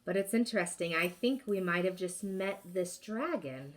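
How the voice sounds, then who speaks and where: A woman teacher reading a chapter book aloud to her class, expressive and pausing to ask questions. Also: on the low side, far from the mic.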